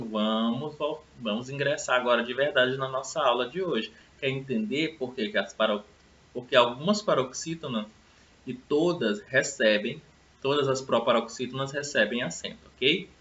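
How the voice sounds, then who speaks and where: A man's voice: medium pitch, moderate pace, fairly bright tone, a little hiss or hum. A man teaching a recorded grammar lesson to students, friendly and explanatory, often checking in with tag questions. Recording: roomy, slightly dull sound.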